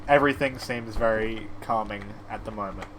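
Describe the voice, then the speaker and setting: A man narrating as game master of a tabletop role-playing game, unhurried and laughing often. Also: lowish voice, a crowd in the background, rough recording.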